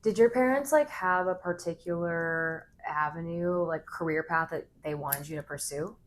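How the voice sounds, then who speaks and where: A woman's voice: lowish voice, normal speed, slight background noise. A young American woman co-hosting a podcast, talking in a reflective, agreeable way. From United States. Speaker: podcast co-host. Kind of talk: casual chat.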